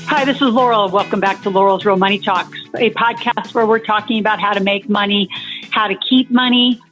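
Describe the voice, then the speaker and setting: A woman hosting a podcast interview, talking in a brisk, upbeat presenter manner. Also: mid-range voice, fairly bright tone. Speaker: podcast host. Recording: tinny phone line, dry, faint music behind.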